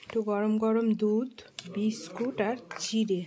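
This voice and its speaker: A woman's voice: a little high, fairly even intonation, measured pace, a crowd in the background. A young woman, a mother, chatting through her day on a home vlog and explaining each step to viewers. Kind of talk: casual home vlog narration.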